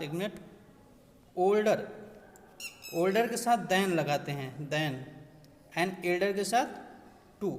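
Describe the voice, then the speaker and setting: A male teacher with an Indian accent, speaking in a high voice at a very slow, deliberate pace. He repeats words and keeps checking that his class is following. The sound carries a long hall reverb. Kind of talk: grammar lesson mixing Hindi and English.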